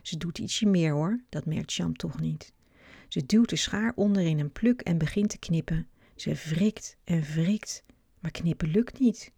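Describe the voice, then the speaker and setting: A woman reads a children's book aloud in a clear, expressive way. Her voice is low and gravelly, and the recording is close and dry. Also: unhurried, no room sound. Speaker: storyteller.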